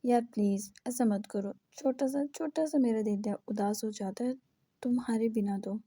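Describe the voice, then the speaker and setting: A woman's voice: fairly high pitch, normal speed, dark tone, no room sound, lightly acted. A woman voicing a teasing possessive young man. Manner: playful and coaxing.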